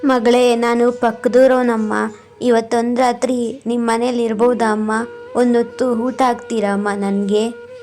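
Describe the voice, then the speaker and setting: A woman voicing a frail elderly beggar man in a cartoon, speaking softly and humbly as he begs. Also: on the high side, little pitch movement, measured pace, faint music behind, lightly acted. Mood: pleading. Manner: soft, humble, begging.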